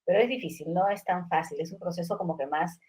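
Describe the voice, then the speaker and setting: A woman's voice: on the low side, fast talker, warm tone, breathy edge. Reflective middle-aged woman podcast host. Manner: reflective, many fillers and tag questions. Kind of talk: casual conversation.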